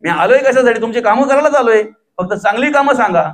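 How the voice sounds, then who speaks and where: A man's voice: very high voice, expressive, fast talker, voice pushed up. A man preaching who voices a small, humble male god, earnest and modest in his replies.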